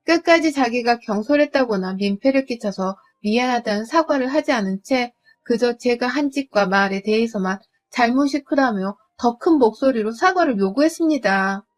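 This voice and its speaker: A woman's voice: fairly high pitch, lively intonation, moderate pace, few pauses. A woman narrating a first-person story, retelling events in an exasperated, indignant way.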